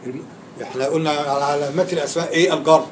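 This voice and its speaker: Egyptian-accented male grammar teacher, slightly high voice, questions the class, faint room hiss. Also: steady tone, very fast. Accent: Egyptian Arabic. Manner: quizzing students, repeating and stressing key words. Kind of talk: classroom lecture with questions to students.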